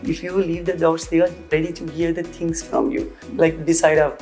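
A man's voice: a little high, little pitch movement, normal speed, a little mellow, faint music behind. A young man from Iran, a pharmacy student, speaking earnestly and gesturing in an interview, recorded on a lapel mic in a lab. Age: young adult. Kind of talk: testimonial interview. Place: indoor lab.

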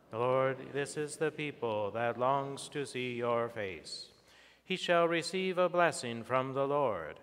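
Slow, solemn priest in cathedral echo. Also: male voice, medium pitch, a bit bright, clear, resonant tone. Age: middle-aged. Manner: solemn, measured, formal recitation. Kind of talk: liturgical prayer and scripture reading. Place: large church sanctuary, at altar and lectern. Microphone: fixed church microphone on lectern or altar. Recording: long cathedral echo in a large church.

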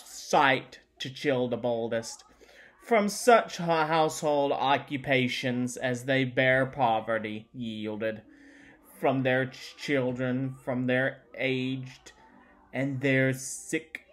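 Slow guy reading an old novel aloud, stumbles and restarts words a lot. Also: mid-range voice, fairly bright tone. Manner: halting, frequent restarts. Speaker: audiobook reader.

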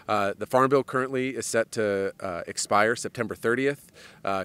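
A man, a trade association president giving measured interview answers outdoors into a handheld mic, with frequent fillers. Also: lowish voice, fairly bright tone, slight background noise. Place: outdoors on a lawn. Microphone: handheld mic held by interviewer.

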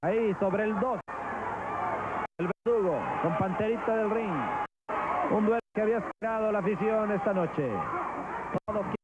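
A man's voice: sits high, normal speed, pauses often, a loud crowd. A Mexican man working as a wrestling commentator, calling lucha libre play-by-play in an arena. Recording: muffled old TV audio, loud arena noise.

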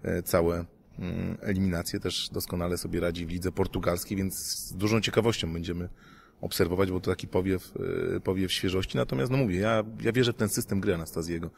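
A man appearing as a sports journalist guest, talking in a lively, wry way with small jokes. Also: low-pitched, a little fast, gravelly, a little hiss or hum. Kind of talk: casual sports podcast discussion.

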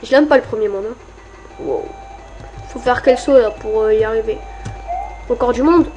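Excitable high-voiced woman gaming. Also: moderate pace, muffled recording. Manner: excitable, frequently yelling and cursing at enemies. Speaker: let's play gamer. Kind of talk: casual gameplay commentary.

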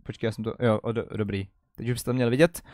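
A young man chatting casually on a live stream, excitable and stammering as he greets viewers. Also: mid-range voice, no room sound, clean studio sound. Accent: Czech.

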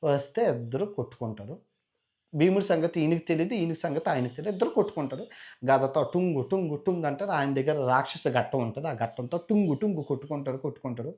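A man's voice: fairly high pitch, animated, fast talker, darkish tone. A man retelling an epic tale in a chatty, dramatic way, adding sound effects and asides. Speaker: storyteller.

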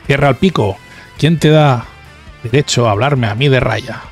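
A man from voicing a hot-tempered young male bully from a game, gruff and dismissive. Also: medium pitch, moderate pace, soft background music, close to an everyday voice. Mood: scornful.

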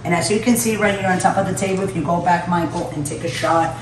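A woman's voice: on the low side, steady tone, quick pace, crowd noise. A middle-aged woman hosting a cooking channel, chatting casually through a grocery haul and rambling through prices with fillers. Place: home kitchen room. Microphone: phone camera held by someone else. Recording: echoey room, camera at a distance, background noise.

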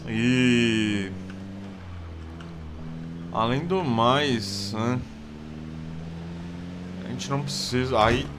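This gameplay host's medium-pitched voice carries a Brazilian Portuguese accent as he casually narrates his survival game. He rambles with many fillers, and there's noise in the background.

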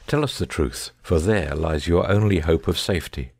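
A man's voice: low voice, normal speed, darkish tone, slightly rough, no room sound, studio quality. A man playing a shrewd, commanding, coolly sardonic detective with precise, formal speech in an audiobook dramatic reading. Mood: stern, accusing.

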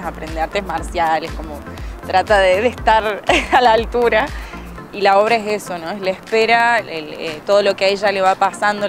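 A young woman with an Argentine accent, chatting as a guest in an outdoor TV interview, with fillers and frequent laughter. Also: mid-range voice. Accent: Argentine Spanish. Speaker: guest actress and playwright. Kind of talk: casual TV interview. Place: outdoors by a plant wall. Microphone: handheld mic.

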